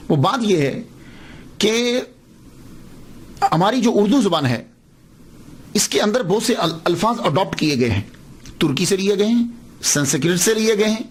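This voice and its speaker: A man's voice: high voice, slightly rough. A man giving a patient, explanatory religious lecture, repeating words to stress how they are said.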